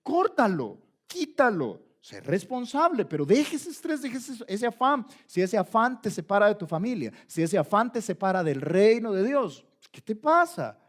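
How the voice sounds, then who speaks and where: A man's voice: high voice, sing-song, moderate pace, few pauses. A man preaching a sermon in a church, addressing listeners directly and driving points home with repeated commands. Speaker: pastor.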